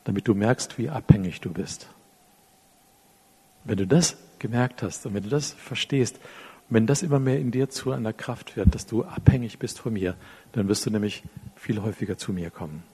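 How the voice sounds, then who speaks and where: Husky German preacher man, soft endings. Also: fairly low pitch, a little fast. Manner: speaks directly to listeners, acts out quoted dialogue; drops to soft, quiet phrases at line ends. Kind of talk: sermon with a closing prayer.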